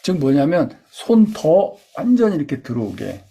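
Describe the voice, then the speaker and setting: A man giving a lecture that guides listeners step by step through calming body exercises, demonstrating each gesture as he coaches. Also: on the high side, normal speed, vocal fry, breathy edge. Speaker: instructor.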